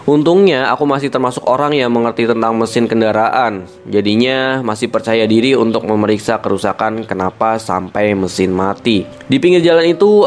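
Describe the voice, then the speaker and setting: A man narrating a first-person mystical horror story with measured pacing and dramatic pauses. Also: mid-range voice. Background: faint music.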